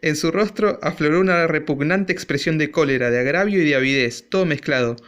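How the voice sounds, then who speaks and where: A man's voice: on the high side, a little fast, fairly bright tone, clean tone. A man narrating a classic short story as an audiobook with dramatic storytelling. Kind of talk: audiobook reading.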